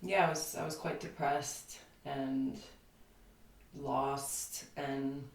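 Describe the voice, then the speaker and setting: A Lithuanian-born woman in her thirties, a native Lithuanian speaker, is a guest in a casual interview, reflecting aloud and rambling with many fillers. Her very deep voice moves extremely slowly with a fairly even intonation. The mic is distant in an echoey room, with faint ambience.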